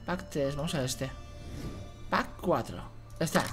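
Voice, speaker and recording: A man's voice: fairly high pitch, takes it slowly, fairly bright tone. Man, Spain accent, gaming youtuber, playful commentary, faint music. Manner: playful, translating the game aloud. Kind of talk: gameplay commentary.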